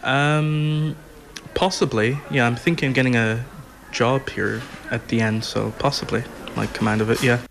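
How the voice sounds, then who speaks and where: A man's voice: mid-range voice, steady tone, moderate pace, vocal fry, a bit bright. A man in his twenties giving short, hesitant answers in an interview, with many fillers. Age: 20s. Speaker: programme participant.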